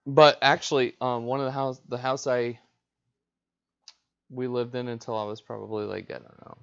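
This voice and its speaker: A man co-hosting a podcast, trading deadpan sarcastic jokes while watching a movie. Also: mid-range voice, normal speed, vocal fry, clean tone. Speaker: podcast co-host. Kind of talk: joking movie riff commentary. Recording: dull lo-fi sound.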